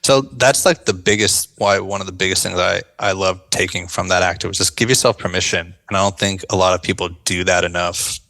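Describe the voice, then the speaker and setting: A man's voice: low voice, fairly even intonation, fairly quick, gravelly, hardly any pauses, pushed and bright. A man from the United States, a veteran turned actor, talking earnestly and reflectively as a podcast guest, with many fillers like "like" and "you know". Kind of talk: casual interview talk.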